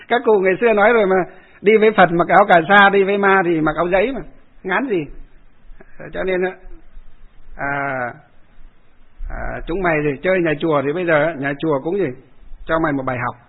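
A fairly high, husky male voice, a Buddhist monk rambling through a story with fillers and repetitions. The sound is narrow and phone-like, as if heard over a radio. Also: a little fast, pauses often. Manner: rambling, with many filler sounds and repeated phrases.

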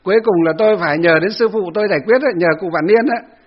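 Brief: a Buddhist monk giving a storytelling dharma talk, high husky voice on a muffled recording. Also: male voice, very fast. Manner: storytelling, conversational, acts out quotes.

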